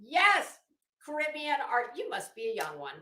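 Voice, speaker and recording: With a high voice, sharp tone and wildly swooping pitch, a middle-aged livestream host talks at normal speed. Her casual commentary is brash, sweary and opinionated, punctuated by dramatic emphasis, and the room echoes.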